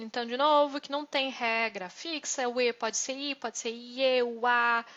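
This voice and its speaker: High-voiced Brazilian woman teaching German. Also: a bit bright. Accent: Brazilian Portuguese. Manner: explanatory, checks in with frequent "né?" and "ok?". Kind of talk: live online lesson. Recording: dull lo-fi sound.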